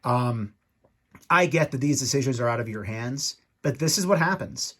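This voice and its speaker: A man in an annoyed, rambling rant to camera, speaking off the cuff, halting and repeating himself as he vents. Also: mid-range voice, animated, fairly bright tone. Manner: annoyed, ticked-off venting. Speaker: YouTube toy collector and podcast co-host.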